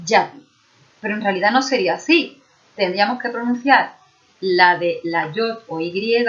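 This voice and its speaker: A woman teacher with an Andalusian accent, speaking at a middle pitch. She explains patiently, pausing often to check that her class follows. The recording sounds a little dull and lo-fi. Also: fairly bright tone. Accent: Andalusian Spanish. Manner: explains patiently, checks understanding with frequent "¿vale?". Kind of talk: video lesson.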